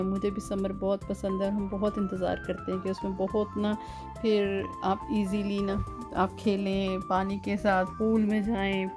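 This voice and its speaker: A woman in her thirties, a mother and vlogger, talking playfully and coaxing her children with laughs. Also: medium pitch. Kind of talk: casual family vlog.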